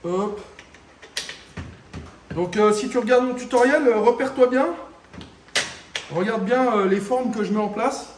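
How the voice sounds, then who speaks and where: A man's voice: very high-pitched, measured pace, long pauses, echoey room, a little hiss or hum. A man doing a casual workshop vlog about a car repair, speaking straight to the viewer in slangy, casual speech and swearing when things go wrong. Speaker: home mechanic showing a car repair. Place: garage workshop.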